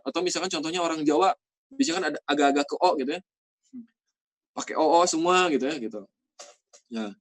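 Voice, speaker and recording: A man teaching Quran reading in a casual lesson, explaining patiently and drawing out example recitations slowly. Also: fairly high pitch.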